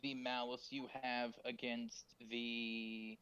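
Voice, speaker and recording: Man playing a slow, formal old-fashioned envoy. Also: medium pitch, monotone, a bit bright, smooth, muffled recording. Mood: measured, diplomatic. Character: formal, deliberate bureau envoy from bygone era.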